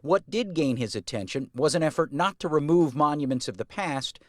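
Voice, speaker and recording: Man, TV news reporter, scripted narration, fairly high voice. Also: expressive, fairly quick, no echo, studio quality.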